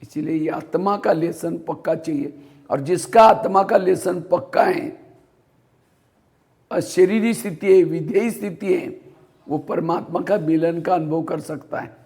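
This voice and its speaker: With a slightly high, creaky, darkish voice and an unhurried pace, a man leads a Hindi spiritual discourse. He tells anecdotes throughout the class and raises rhetorical questions only to answer them himself.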